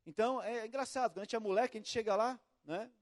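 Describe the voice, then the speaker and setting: A Brazilian man preaches in a church, his voice set notably high for a man. He tells stories with animation, acting out little quotes and calls. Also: fast. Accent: Brazilian Portuguese. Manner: animated storytelling with acted quotes and shouts. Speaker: pastor. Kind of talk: sermon.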